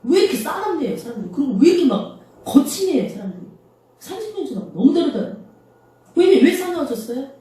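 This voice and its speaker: A woman's voice: high-pitched, very animated, quick pace, warm tone. A woman pastor preaching a sermon in a small church, talking conversationally and asking the congregation rhetorical questions. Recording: very echoey room, voice from far off.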